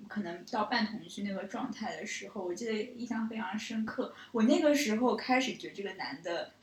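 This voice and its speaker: A woman's voice: medium pitch, gravelly. A young woman co-hosting a casual podcast, chatting and often breaking off to restart. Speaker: podcast co-host. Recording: echoey room.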